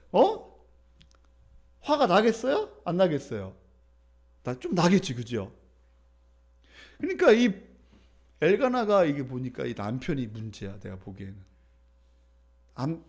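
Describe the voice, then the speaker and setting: A male pastor giving a conversational sermon, often asking the congregation questions. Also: high voice.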